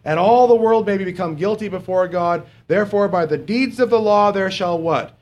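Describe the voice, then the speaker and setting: In his sermon, a middle-aged man speaks plainly and without polish at a moderate pace, his voice slightly high and a little mellow. He frequently halts on fillers and poses rhetorical questions to his listeners.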